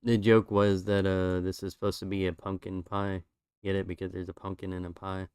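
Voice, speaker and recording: Rambling through his drawings on stream, a man chats in a relaxed way with plenty of fillers while his voice gives out. His low-pitched voice is brisk and smooth, and the dry recording has clean studio sound.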